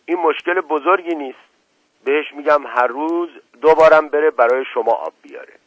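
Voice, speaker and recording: A man's voice: a little high, expressive, dry recording, pitched above the performer's own voice. A man voicing a short, heavy mullah, a middle-aged man eager to marry, who talks in a dismissive, self-assured way, heard on a lo-fi radio recording.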